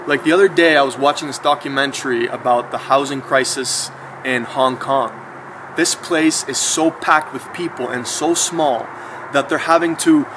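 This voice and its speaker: Against background noise, a vlogger in his thirties rambles in a laid-back, chatty way, tossing in slangy asides. His male voice sits on the high side.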